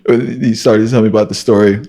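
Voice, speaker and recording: A man's voice: on the low side, fairly even intonation, fairly quick, warm tone. A man hosting an interview, asking loose, hesitant questions full of fillers. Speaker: podcast host. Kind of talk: casual interview.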